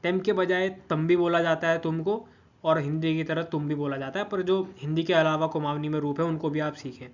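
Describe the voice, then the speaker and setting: Guy explaining grammar slowly, keeps saying "ok?", kinda highish voice, dull lo-fi audio. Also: fairly even intonation. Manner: patient, repeats each form, checks in with frequent "theek". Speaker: language teacher.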